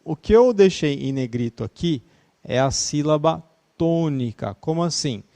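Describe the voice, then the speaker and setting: A Brazilian Portuguese-accented male teacher with a slightly high voice gives an online English class. He talks in an easygoing, chatty way, laughs easily and tags most sentences with "né". He keeps the lesson relaxed and conversational. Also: unhurried, gravelly.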